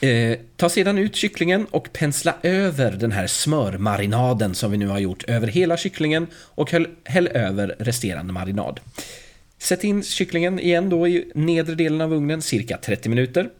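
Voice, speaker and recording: A man's voice: fairly high pitch, very animated. A man in casual chat, reading out recipe steps plainly with fillers. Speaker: podcast co-host.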